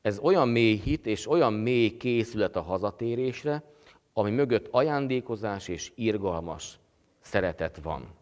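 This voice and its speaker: A man preaching a sermon as pastor, with a halting delivery full of pauses and fillers. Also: on the low side, lively intonation, darkish tone, in a large hall. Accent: Hungarian.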